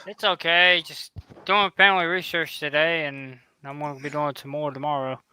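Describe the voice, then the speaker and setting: A man's voice: a little high, flat delivery, normal speed, pushed and bright, smooth. A man joining a casual livestream chat as a guest, speaking in a hesitant, thoughtful way.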